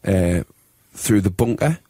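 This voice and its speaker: Low-voiced young Sunderland man, chatty. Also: expressive, slow, warm tone, no echo, studio quality. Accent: Sunderland (Mackem). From Sunderland, north-east England. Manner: chatty, colloquial northern phrasing. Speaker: band singer being interviewed. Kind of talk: casual radio interview chat.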